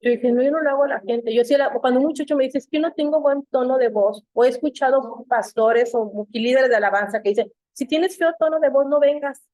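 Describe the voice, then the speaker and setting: A middle-aged woman from Mexico, teaching a church Bible class in a lively storytelling manner and acting out the voices she quotes. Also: fairly high pitch, a little fast, few pauses, no echo.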